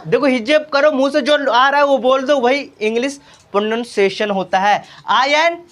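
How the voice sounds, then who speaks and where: A man's voice: extremely high pitch, brisk, fairly bright tone. A man tutoring a child in a small class, patiently drilling sounds with repeated questions and encouragement. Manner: patient, repetitive drilling with constant questions to the pupil; encouraging, urges speaking out and making mistakes. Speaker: tuition teacher. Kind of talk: spoken English reading lesson for a child. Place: small tuition class indoors.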